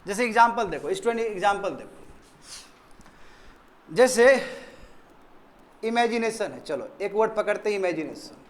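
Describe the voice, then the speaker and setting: A man's voice: sits high, expressive, moderate pace, pauses often. A man with an Indian English accent teaching a grammar lesson in a classroom, quizzing students and repeating their answers.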